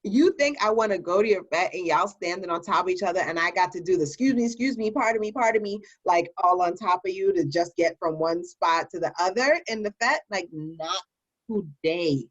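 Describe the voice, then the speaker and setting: A tipsy woman co-hosting a casual comedic chat, telling things in an animated way and acting out imagined quotes. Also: lowish voice, normal speed, lo-fi sound. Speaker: co-host of an online rant show.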